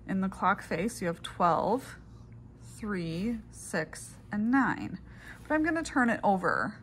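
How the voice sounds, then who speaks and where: A woman instructor narrating a practical lab demonstration step by step. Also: mid-range voice. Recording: clearly noisy room recording.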